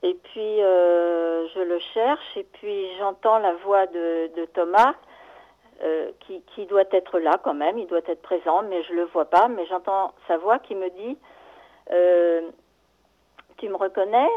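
An older woman calling a radio show, recounting a dream in a halting, shaken way, searching for her words. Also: on the low side, fairly even intonation. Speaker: radio caller. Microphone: telephone. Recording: tinny phone line.

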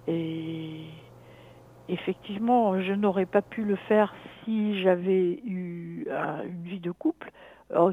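A middle-aged woman talking reflectively and haltingly about herself as a caller in a personal conversation. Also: mid-range voice. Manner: reflective, halting, thinking aloud. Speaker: caller consulting a dream analyst. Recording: tinny narrow phone line.

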